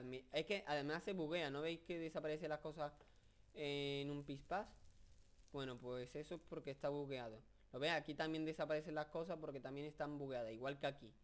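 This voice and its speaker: A young man with a Spain Spanish accent giving casual, rambling video game commentary, joking and excitable, with many fillers. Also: on the high side. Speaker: gameplay commentator.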